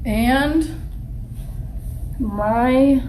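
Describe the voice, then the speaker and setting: Slow-paced woman, kids show host style. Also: sits high, darkish tone, slight background noise, rough recording. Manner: kids show host, encouraging, sing-song questions to young children; slow, simple phrasing with check-in questions. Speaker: Montessori preschool teacher. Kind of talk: live children's lesson.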